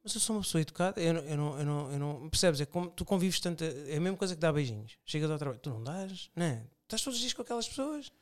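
A man's voice: on the high side, expressive. A man with a European Portuguese accent in casual chat, blunt and peppering his talk with "percebes?". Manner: blunt, talks in quick bursts with "pá" and "percebes?". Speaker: conversation partner.

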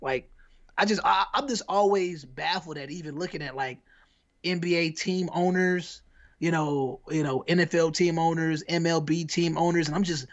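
A man's voice: a little high, fairly even intonation, moderate pace, lo-fi sound. An American man co-hosting a podcast, chatting casually in a rambling, slangy way with lots of restarts. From United States. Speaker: podcast co-host. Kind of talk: casual chat.

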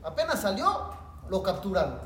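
A man's voice: sits high, moderate pace, far from the mic. A rabbi with a Mexican Spanish accent, telling a story to his class and acting out the voices in it. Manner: animated storyteller who acts out voices. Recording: echoey room with faint noise.

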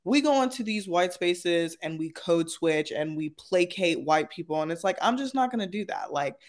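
Higher-pitched man, emphatic talker. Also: expressive, normal speed. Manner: emphatic, articulate, frequent "like" and "right?". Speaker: panel guest. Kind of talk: casual, opinionated discussion.

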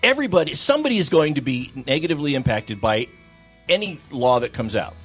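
A man's voice: on the high side, sing-song, fast talker, fairly bright tone, husky, soft background music. A man in an unscripted legal radio discussion, explaining his argument point by point and repeating phrases. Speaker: legal talk radio panelist.

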